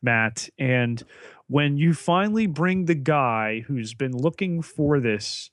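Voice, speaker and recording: A man co-hosting a podcast, recapping a TV episode in casual chat, halting with many fillers and restarts. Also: medium pitch, expressive, no room sound. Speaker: podcast co-host.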